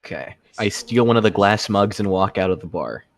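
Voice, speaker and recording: A man playing a tabletop game over a group voice chat. He laughs easily and states his character's actions quickly. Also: lowish voice, expressive, creaky, a little hiss or hum.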